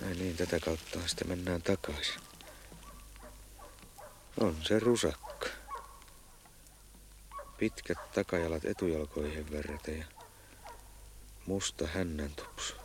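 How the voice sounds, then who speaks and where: Low, gravelly musing male narrator. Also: fairly even intonation, a little hiss or hum. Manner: musing, unhurried. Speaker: narrator and hunter. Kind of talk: reflective inner monologue in a drama.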